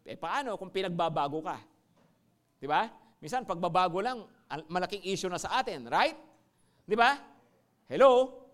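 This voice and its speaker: Animated Filipino man preaching. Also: high voice, moderate pace, long pauses. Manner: animated, asks the congregation questions. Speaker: pastor. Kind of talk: sermon.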